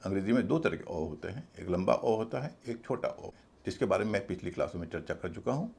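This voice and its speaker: A man's voice: low voice, expressive, quick pace, gravelly, a little mellow. A man teaching English pronunciation in a video lesson, spelling out each word letter by letter before stressing the right sound.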